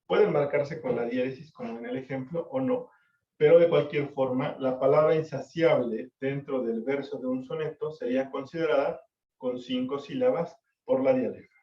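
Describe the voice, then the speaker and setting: A male literature teacher, lecturing an online class, counting syllables slowly and checking for understanding. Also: medium pitch. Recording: echoey, distant, dull-sounding mic.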